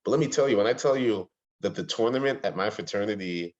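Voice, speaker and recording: Young male guest from Ohio, very low voice, eager rambling storyteller, dull lo-fi call line. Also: quick pace. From Ohio, USA. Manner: eager storyteller, many fillers. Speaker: podcast guest. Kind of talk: casual interview chat.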